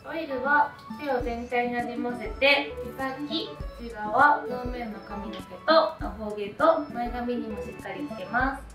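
A woman's voice: a little high, measured pace, few pauses, music in the background. Echoey distant woman giving hair steps. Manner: plain, even, instructional. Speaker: hair tutorial narrator. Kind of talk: calm step-by-step voice-over instruction. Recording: echoey room, a bit distant from the mic.

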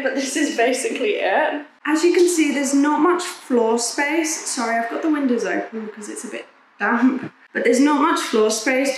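A woman's voice: sits high, a little hiss or hum. A woman in her twenties, vlogging casually to a handheld camera at arm's length in an empty small house, chatty and upbeat. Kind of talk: casual vlog narration. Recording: echoey empty rooms.

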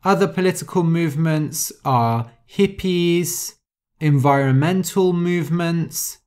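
A podcast host reads an easy story for English learners very slowly, leaving room after each phrase. The voice is a clear, careful middle pitch with a darkish tone. New words are explained, and some are spelled out letter by letter.

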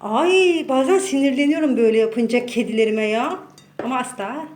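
A woman's voice: sits high, normal speed, darkish tone. A woman hosting a casual home cooking tutorial, chatting to her viewers as friends while she works. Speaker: cooking channel host. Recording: roomy echo, faint background noise.

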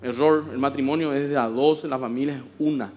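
A man with a Paraguayan Spanish accent, a pastor preaching a sermon with animated storytelling and acted-out voices. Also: medium pitch, a little fast, big-room sound, faint music behind.

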